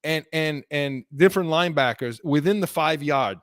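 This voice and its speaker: A man with a higher voice speaks at normal speed in studio-quality audio with no room sound. Co-hosting a sports podcast, he talks heatedly about football, breaking off and restarting sentences, his voice worn from illness.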